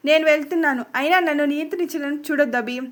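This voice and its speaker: A woman's voice: high voice, quick pace, a bit bright. A woman voicing a hurt, defiant young wife in a dramatic storybook reading, with a bitter, accusing tone.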